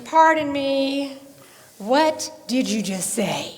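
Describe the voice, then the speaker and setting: Casting: woman as a slow-talking, teasing wife, high-voiced and theatrically sarcastic. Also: lively intonation, noisy background. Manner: drawn-out, coy and sarcastic, gasping for effect. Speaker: shopkeeper's wife Missus Barnum. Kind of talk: community theater stage acting. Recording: live stage audio in an echoing hall.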